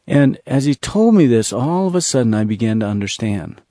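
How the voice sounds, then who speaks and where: A man telling a testimony from his mission travels, earnest and repetitive, slowing down to stress key words. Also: medium pitch, big pitch swings, mellow, dry recording, clean studio sound. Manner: earnest, repetitive storytelling with slow emphasis. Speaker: ministry speaker telling a mission story. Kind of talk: storytelling testimony.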